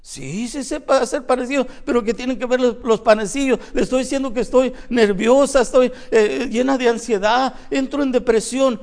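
Man doing anxious middle-aged church woman, high whiny voice, pleading, complaining, nervous. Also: moderate pace, hardly any pauses, a little mellow, lightly acted. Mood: plaintive complaint.

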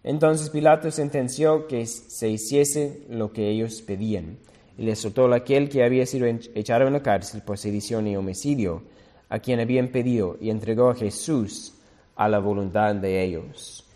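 A man preaching a sermon, reading scripture aloud slowly and deliberately, now and then correcting himself. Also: medium pitch, warm tone, big-room sound.

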